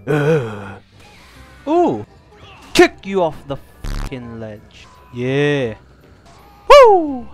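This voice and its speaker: A young man commentating a horror game he is playing, loud, joking and often swearing as he yells at enemies. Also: fairly high pitch, huge pitch swings, extremely slow, pauses often, soft background music. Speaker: gaming commentator. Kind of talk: let's play commentary.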